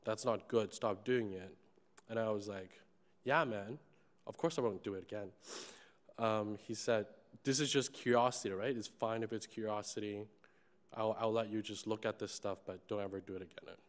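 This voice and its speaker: A man's voice: on the low side, moderate pace. A young man from China giving closing remarks at a conference, speaking candidly and earnestly with a handheld microphone on a large stage. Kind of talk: personal speech on stage. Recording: long reverb of a large hall.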